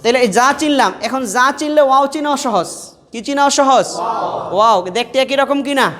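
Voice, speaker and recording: A man's voice: extremely high pitch, normal speed, pushed and bright. A man teaching Quran reading in a classroom, quizzing his students with questions and drilling letters by repetition. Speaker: Quran teacher and mosque preacher. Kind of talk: classroom lesson. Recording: reverberant hall.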